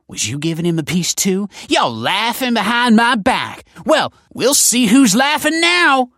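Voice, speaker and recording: A man's voice: very high voice, very animated, unhurried, bright, forceful tone, no echo, clean studio sound, voice pushed up, full character voice. A man voicing a huge, furious foster mother who shrieks and drawls with y'all slang. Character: hefty furious foster mother, snarling bully.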